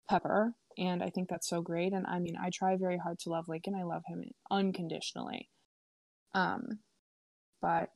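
A woman's voice: on the low side, darkish tone, no room sound, clean studio sound. A woman in her twenties telling a story in a casual, chatty way, full of "like" and "um" and freely swearing. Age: 20s. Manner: chatty, filler-heavy, lots of "like" and "um".

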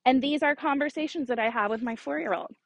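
Speaking fast in a high register, a thirty-something woman runs her own podcast with casual, chatty talk that's earnest and encouraging, dotted with little laughs. The recording is rough but free of echo.

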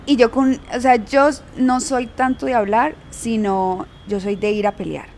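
A woman's voice: fairly high pitch, fairly even intonation, unhurried, darkish tone, a little hiss or hum. A young woman telling a personal story frankly, laughing often as an interview guest. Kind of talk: candid storytelling in conversation.

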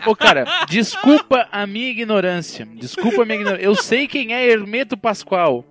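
A man's voice: high voice, very animated, fairly quick, a bit bright. A man co-hosting a casual radio show who makes short, dry remarks. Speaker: radio co-host.

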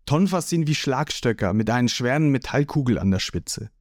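A man narrating an audio manga reading with slow, deliberate storytelling. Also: medium pitch, expressive, dry recording, studio quality.

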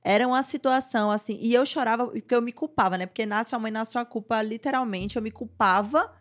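A woman's voice: fairly high pitch, fast talker. Candid woman guest telling her story. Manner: candid, emotional storytelling with frequent "gente". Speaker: podcast guest. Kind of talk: casual interview conversation.

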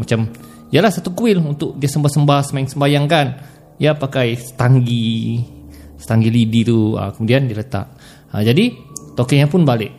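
A man telling a ghost story in a casual, conversational way, swinging between loud exclamations and hushed asides. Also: mid-range voice.

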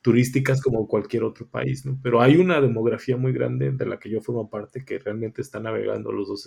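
A man's voice: lowish voice, gravelly, darkish tone. A man from Tijuana, a writer and visual artist answering interview questions thoughtfully, often restarting phrases and adding tag questions. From Tijuana, Mexico.

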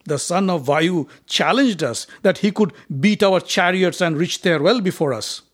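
A man's voice: high-pitched, moderate pace, voice pushed up. A man voicing a young prince who schemes against his cousin while putting on false friendliness. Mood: falsely friendly. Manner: sly and coaxing.

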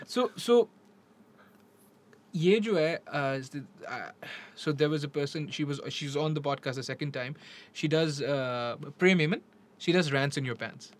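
A man's voice: a little high, expressive, moderate pace. A man with a Pakistani accent hosting a casual podcast, informal and emphatic, often repeating his phrases. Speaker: podcast host. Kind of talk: casual podcast chat mixing English and Urdu.

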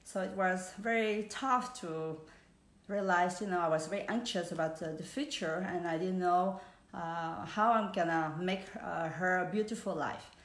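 Softly low woman with roomy echo. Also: normal speed. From Switzerland. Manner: hesitant, many fillers, warm greetings. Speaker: business speaker. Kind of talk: live online presentation.

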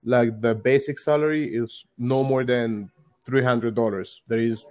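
This young Colombian man, a card game store player, is a guest on a casual interview over a call. His medium-pitched voice is steady, a bit slow and slightly mellow, and his rambling talk loops with lots of "likes" and restarts.

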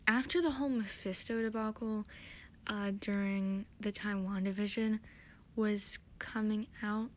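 A woman's voice: mid-range voice, steady tone, a little slow. Chatty young woman, whispered ASMR recap. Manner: chatty, often whispering, many fillers. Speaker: TV episode recapper.

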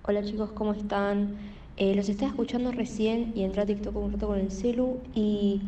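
A woman's voice: medium pitch, level tone, brisk, warm tone, a little hiss or hum. Argentine woman, voice-message caller, dull distant sound. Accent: Rioplatense Argentine. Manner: chatty, descriptive.

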